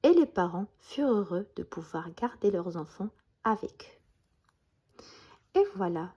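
Lady reading a bedtime story, soft half-whispers, mellow breathy voice. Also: medium pitch, lively intonation, unhurried. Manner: gentle, often half-whispered.

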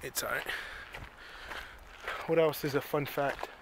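A man with a Pittsburgh accent films a casual walking vlog on a park hike, out of breath and rambling with lots of "like" and "you know." His voice is fairly high and fairly even in intonation, he speaks slowly, and the background is noisy.

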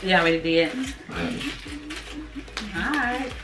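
Middle-aged lady tasting snacks w family, teasing and blunt, pitch jumps all over, echoey room. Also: animated, slow. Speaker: family channel host. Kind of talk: casual snack-tasting chat.

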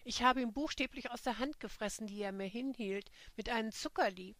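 A woman's voice: fairly high pitch, brisk, fairly bright tone, no echo, close to an everyday voice. A woman reading the part of a bold young woman who frankly admits her kinky secrets to her friends, in her own voice. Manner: frank and unashamed.

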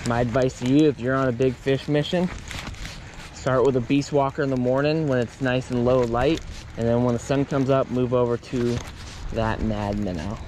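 Man, laid-back, casual fishing talk, outdoors on a boat, action-camera audio, clear background noise. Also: medium pitch, fairly even intonation, normal speed, a little mellow. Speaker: fishing guide explaining lures. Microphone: action camera on the body.

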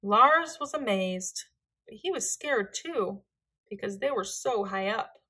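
A woman reading a children's picture book aloud, with gentle, expressive narration. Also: medium pitch, slow pace, breathy edge. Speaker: storyteller.

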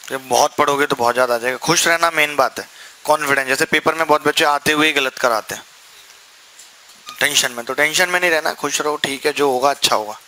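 A man's voice: fairly high pitch, fairly quick, pushed and bright, poor audio. A young man teaching a maths class, asking the students questions and answering them himself, with jokey, chatty asides. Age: young adult. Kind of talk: classroom lecture.

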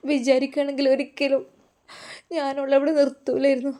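A man's voice: very high-pitched, monotone, fairly quick, warm tone. A woman voicing a grieving middle-aged father who talks in a choked, pleading way, with a Malappuram Malayalam accent. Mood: despairing.

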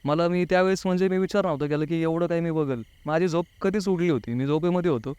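A man's voice: fairly high pitch, quick pace, a little mellow, smooth, dry recording, highs cut off. A man recounting a personal experience as an interview guest, chatty, acting out what people said and dropping in a constant filler phrase. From Pune, India. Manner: talkative, keeps adding the filler "नाही का"; often acts out quoted dialogue. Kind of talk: casual interview storytelling.

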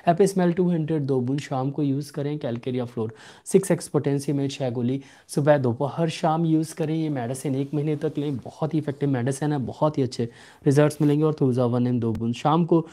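A young man who practices homeopathy answers viewer questions during a live clinic, speaking in a steady, instructive way and slowing down when he reads questions aloud. His pitch is fairly high. A desk webcam records him in a small room at home.

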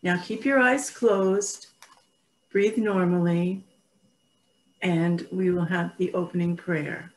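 A woman leading a group on a video call, reading aloud and guiding exercises in a measured, instructional way. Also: on the low side, steady tone, rough recording. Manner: slow, measured, instructional delivery. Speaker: group leader.

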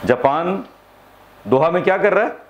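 A man's voice: on the high side, lively intonation, normal speed, dull audio. Emphatic man giving a workshop. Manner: emphatic, rhetorical questions, mixes English phrases into his talk. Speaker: workshop trainer. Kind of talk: workshop lecture. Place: university seminar hall.

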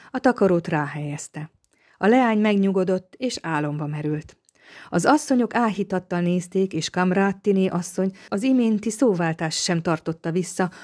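A woman narrating an audiobook in a calm, even storytelling manner. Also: lowish voice. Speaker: audiobook reader.

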